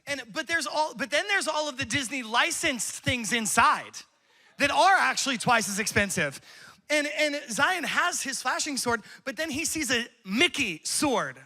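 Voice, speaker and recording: A male pastor in his thirties delivers a sermon in a strikingly high, bright voice with a sharp, forward edge. He talks in a loose, conversational storytelling way and often breaks into laughter. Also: animated, moderate pace. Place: church campus.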